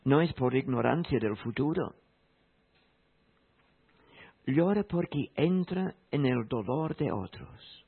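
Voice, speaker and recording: A man preaching a sermon in a slow, emphatic way, repeating key phrases. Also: medium pitch, animated, vocal fry, slightly rough. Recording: tinny phone-like sound.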